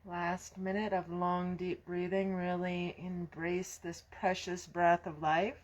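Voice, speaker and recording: A woman guiding a yoga breathing practice in a slow, soft, soothing way. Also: lowish voice, flat delivery. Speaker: yoga instructor. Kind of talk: guided breathing instruction.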